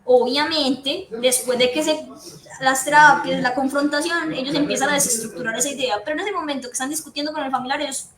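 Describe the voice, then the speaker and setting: A woman's voice: high voice, brisk, a crowd in the background. A woman psychiatrist, giving an earnest, explanatory talk to patients' families and repeating her key points. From Colombia. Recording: echoey room with faint background noise.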